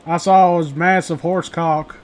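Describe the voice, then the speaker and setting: A man with a fairly high voice hosts a horror story reading show, chatting casually and commenting on stories in loose, rambling, joking banter full of swearing. His delivery is flat and unhurried. It's a noisy home recording with light background noise and clear hiss.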